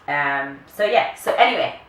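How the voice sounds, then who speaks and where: Chatting playfully to the camera, this vlogger, a woman in her early thirties originally from Kenya who later lived in the UK, has a low-pitched, expressive voice with a bit of brightness and a measured pace. She is recorded on a distant mic in an echoey room with faint noise.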